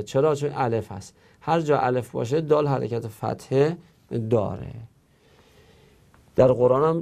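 A man's voice: mid-range voice, a little mellow. A man teaching an Arabic grammar lesson, explaining step by step and answering his own questions.

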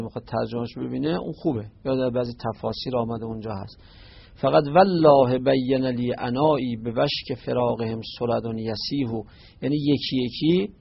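A man teaching a class, explaining a poem slowly word by word. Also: mid-range voice, vocal fry, slightly rough, no room sound. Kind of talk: classroom lecture on translating Arabic poetry. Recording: dull lo-fi recording.

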